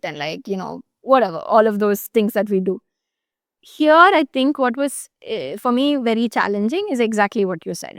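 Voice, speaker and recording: Guesting on a conversational interview, a woman journalist from Chennai, India, works through a complex topic in a thoughtful, explanatory way, thinking aloud with frequent fillers, pauses, and restarts. Her pitch is middling, and the audio is close and dry with no room sound.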